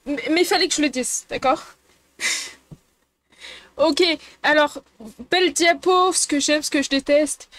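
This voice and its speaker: A woman's voice: high-pitched, a little slow, long pauses, a bit bright, no room sound. A woman streamer chatting casually and playfully with her viewers, giggling and teasing the chat.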